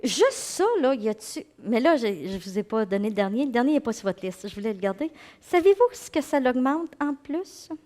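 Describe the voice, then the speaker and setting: A Québécoise psychologist gives a lively talk to an audience in Québécois French, her voice high and spirited at a normal speed. She's animated, acts out inner voices and laughs along with the crowd.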